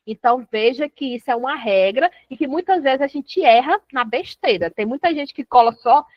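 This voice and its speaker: High-voiced chatty teacher woman. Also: animated, normal speed, no echo, dull audio. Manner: chatty, repeats "tá certo?" and "né?" often. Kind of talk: grammar revision lesson.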